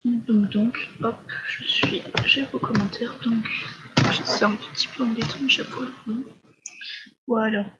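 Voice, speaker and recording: A teenage girl chatting through a live mobile game stream, full of fillers and drifting into soft whispered asides. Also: on the high side, fairly even intonation, slow pace, highs cut off, very noisy. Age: teens. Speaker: livestreamer. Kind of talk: casual live gameplay commentary.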